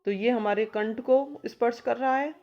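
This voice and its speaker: A woman teaching an exam-prep grammar lesson, explaining patiently and sounding out each letter slowly. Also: fairly high pitch, highs cut off.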